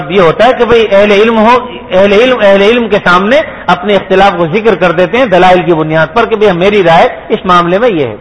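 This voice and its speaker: A man's voice: high-pitched, a bit bright, low-quality recording. A man giving a sermon, explaining patiently and asking his listeners rhetorical questions. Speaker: Islamic preacher.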